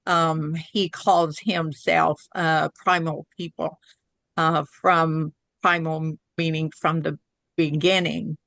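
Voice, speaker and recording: A woman's voice: low-pitched, flat delivery, slow pace, gravelly, a bit bright, no echo. An older woman with an Oklahoma Southern twang and drawl, chatting casually. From Oklahoma, United States. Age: 60s or older. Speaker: spiritual channeler, guest. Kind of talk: casual chat.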